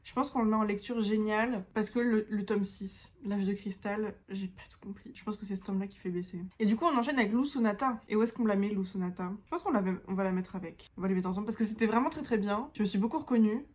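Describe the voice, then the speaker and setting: A woman book vlogger chats casually through a tier-list review of her reads, thinking aloud with hesitations, enthusiastic and self-mocking. Her medium-pitched, darkish voice is fast, with few pauses.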